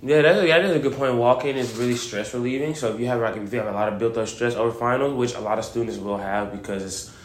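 A young adult man from Waco co-hosting a casual student podcast, relaxed with loose, rambling phrasing. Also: medium pitch, fast talker. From Waco, Texas. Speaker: podcast co-host, student community leader. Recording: echoey room.

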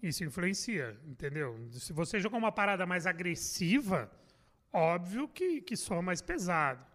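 A man's voice: high-pitched, big pitch swings, normal speed, a bit bright, big-room sound. A middle-aged man, a comedy writer and guest, chatting casually and swearing freely as he acts out the reactions he quotes. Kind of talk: casual podcast chat.

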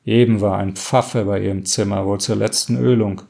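A man's voice: lowish voice, fairly even intonation, moderate pace, creaky, a little mellow. A man voicing a blunt stepfather who speaks with open indignation. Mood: indignant. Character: gruff stepfather, usually cheerful, now shaken.

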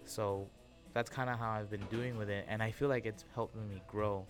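A man's voice: lowish voice, steady tone, moderate pace, music in the background. A man in his twenties hosting a casual podcast chat, rambling and repeating himself as he feels out his point. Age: 20s. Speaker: podcast host.

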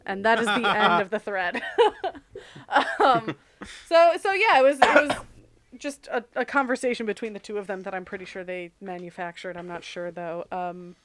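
A woman's voice: mid-range voice, moderate pace, a bit bright, slight background noise. A woman co-hosting a movie podcast, chatting informally with hesitant phrasing. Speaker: podcast co-host. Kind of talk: casual movie podcast chat.

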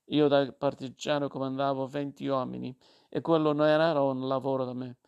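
A man voicing an angry, insistent young war veteran with a creaky voice. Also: medium pitch, level tone, normal speed, a little mellow, highs cut off, lightly acted. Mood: indignant.

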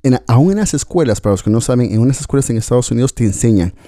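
A man's voice: mid-range voice, lively intonation, rapid-fire, mellow, no echo, studio quality. A man raised in the United States, co-hosting a casual conversation, rambling and laughing often as he acts out stories. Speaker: podcast co-host.

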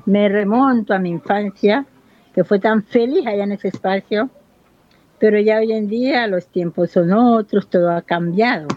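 A woman's voice: medium pitch, moderate pace, dry recording, dull audio. A woman in her fifties from Buenaventura, Colombia, giving an earnest, impassioned interview about her life and community. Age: 50s. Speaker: local resident. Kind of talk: interview testimony.

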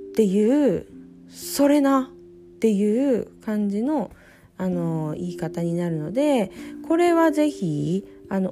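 A woman hosts a relaxed podcast lesson, talking slowly and chattily with plenty of fillers. Her voice has a gravelly edge, and music plays clearly behind her. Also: medium pitch. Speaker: podcast host, English teacher. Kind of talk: bilingual casual podcast lesson.

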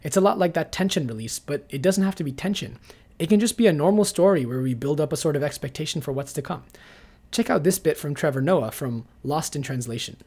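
Husky man narrating an essay. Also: a little high, expressive, a little mellow. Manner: measured, analytical explaining. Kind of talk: scripted narration.

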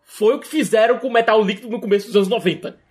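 Brazilian man, co-host, husky, explanatory. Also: high voice, racing. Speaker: podcast co-host. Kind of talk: casual chat.

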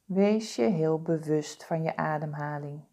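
A woman talks a listener through a body-scan meditation. Her voice is low-pitched and mellow, and her pacing is very slow and calm. She gives each instruction in a soothing, even way. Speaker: meditation guide.

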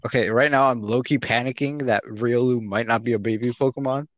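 A man co-hosting a casual podcast about a video game, chatting in an excitable fan way. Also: medium pitch, a little fast, no room sound, lo-fi sound. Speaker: podcast co-host.

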